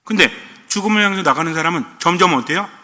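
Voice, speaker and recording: Bright-voiced Korean priest preaching in a hall. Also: male voice, on the high side, expressive, fast. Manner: rhetorical questions answered himself. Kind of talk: sermon.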